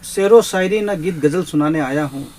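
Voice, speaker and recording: High-voiced male poet on the radio. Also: normal speed, a little mellow. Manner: storytelling, building up with a joke before the poem. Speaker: satirical poet. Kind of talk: poetry recital on radio.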